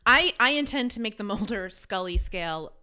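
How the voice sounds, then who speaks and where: This is a woman from Queens with a bright, crisp voice. She co-hosts a podcast in casual conversation, trading wry and playfully opinionated banter. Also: medium pitch, animated, moderate pace. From Queens, New York. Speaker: podcast co-host. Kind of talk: casual chat.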